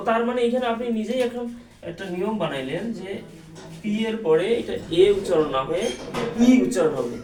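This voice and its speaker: A man with a high voice teaches English spelling and pronunciation, breaking words into syllables and counting them aloud. He poses questions to his listeners and answers them himself. His voice sounds a little far from the mic, in an echoey room. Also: a little mellow. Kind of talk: explanatory classroom lesson.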